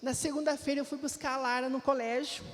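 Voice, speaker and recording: A woman's voice: high-pitched, flat delivery, fast talker. A woman with a Brazilian Portuguese accent giving a heartfelt personal testimony to a church congregation, often speaking straight to her listeners. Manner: heartfelt, storytelling, often addresses the listeners directly. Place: church hall. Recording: long reverb of a church hall.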